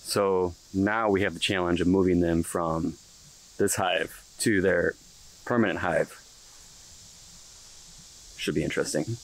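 A man's voice: sits low, unhurried, vocal fry, long pauses, low-quality recording. A man narrating a casual homestead vlog in an easygoing, matter-of-fact way, recorded outdoors by his beehives. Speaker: homesteading vlogger.

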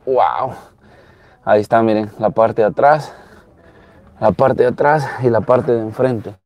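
Man, thirties, Latin American Spanish accent. Casual live-stream host, chatty and repetitive, mid-pitched, recorded outdoors on a handheld phone. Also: a little slow, dry recording, dull audio. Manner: chatty, repeats phrases. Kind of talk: casual live vlog commentary, showing used cars. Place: outdoors in an open car lot. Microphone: handheld phone at arm's length.

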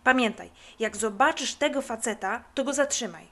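A woman's voice: fairly high pitch, lively intonation, moderate pace, fairly bright tone. A woman voicing an eager, bossy boy detective who questions insistently.

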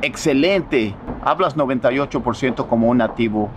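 A man giving a casual video lesson on English pronunciation, animated, saying sample words first wrong and then right. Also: medium pitch, normal speed, roomy sound, noisy background.

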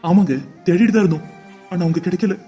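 A man's voice: high voice, very fast, a little mellow, faint music behind, close to an everyday voice. A man voicing a grieving, loyal young man in a cartoon drama, talking in an earnest, pleading way. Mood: subdued. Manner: earnest, pleading, tearful monologue.

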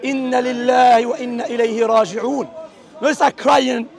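Man from Algeria, high gravelly voice, fast forceful street preaching, crowd murmur outdoors. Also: steady tone. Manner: forceful, mixing English with Arabic quotes. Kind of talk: street debate. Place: outdoors at a public speaking corner.

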